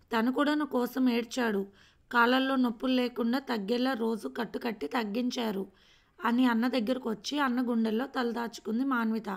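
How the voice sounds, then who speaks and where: A woman reading a family drama story aloud in a gentle, emotive storytelling manner. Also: a little high. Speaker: story reader. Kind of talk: read-aloud story narration.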